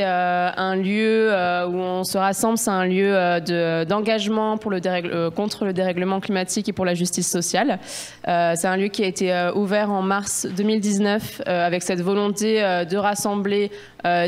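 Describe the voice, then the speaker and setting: Smooth-voiced woman, halting welcome. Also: medium pitch. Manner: halting, filler-heavy. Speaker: venue host. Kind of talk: welcome speech. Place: bar hosting a public debate.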